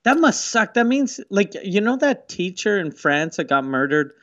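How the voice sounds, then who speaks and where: A man's voice: high-pitched, sing-song, normal speed, a bit bright, dull audio. A man chatting casually on a podcast, blunt and profane. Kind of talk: casual chat.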